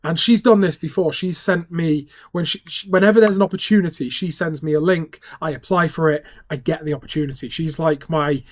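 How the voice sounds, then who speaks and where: A man's voice: on the high side, fairly even intonation, a little fast, few pauses, dry recording, studio quality. A man talking casually and jokily as a guest in an interview. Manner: jokey, given to laughter. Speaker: town crier, interview guest.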